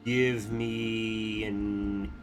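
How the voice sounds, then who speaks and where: A man working as game master, improvising tabletop game narration in a halting way. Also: on the low side, flat delivery, loud music behind the voice. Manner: halting, piecing descriptions together.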